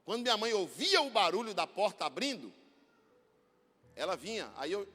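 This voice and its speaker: High-voiced preaching man in a church hall. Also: very animated, moderate pace, breathy edge. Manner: impassioned preaching, swinging from hushed to shouted. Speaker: pastor. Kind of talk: sermon. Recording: reverberant church hall with soft music.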